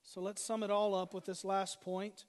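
A man's voice: high-pitched, flat delivery, moderate pace, long reverb tail. A man preaching as pastor, building emphasis through repeated short phrases. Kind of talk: sermon.

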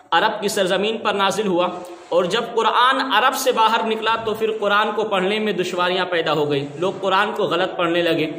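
A man's voice: sits high, sharp tone, a little hiss or hum. A man preaching an emphatic, argumentative religious lecture. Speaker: Islamic preacher. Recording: echoey room with long reverb.

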